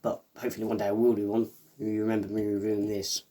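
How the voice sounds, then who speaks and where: A man's voice: on the low side, completely flat delivery, quick pace, dark tone, slight background noise. A man talks casually to his viewers as a video reviewer. He wanders from point to point, trips over his own words and fills the gaps with "um" and "uh". His chatty asides show him as an eager fan. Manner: rambling and hesitant, many fillers and restarts.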